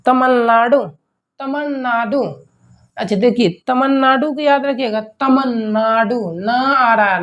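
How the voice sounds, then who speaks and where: Explaining memory tricks in an online general-knowledge class, a young man speaks in a very high, gravelly voice. He keeps things casual and chatty, repeating key words and tossing out rhetorical question after rhetorical question.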